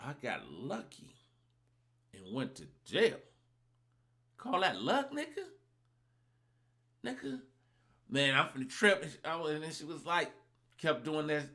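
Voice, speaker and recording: Animated, bright-voiced Los man. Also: a little high, normal speed. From Los Angeles. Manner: animated, profane, acts out other people's lines. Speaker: vlogger telling a personal story. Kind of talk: casual storytelling monologue.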